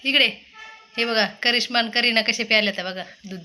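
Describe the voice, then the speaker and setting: A woman's voice: on the high side, steady tone, a little fast, bright, forceful tone. A woman vlogging casually at home, coaxing animals over with repeated calls.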